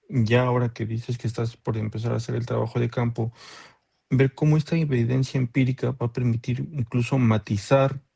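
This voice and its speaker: A man giving measured academic feedback on a thesis, thinking aloud with frequent fillers, on a video call. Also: medium pitch, gravelly, mellow, breathy edge. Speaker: thesis committee member.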